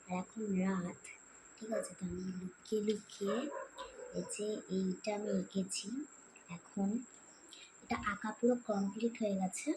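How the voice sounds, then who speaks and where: Soft-spoken young woman vlogging late at night. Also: mid-range voice, fairly even intonation, noisy background. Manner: talks softly and hushed, dropping to whispers; slow reading of her letter aloud, louder. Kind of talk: quiet night-time vlog chat. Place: home at night, indoors.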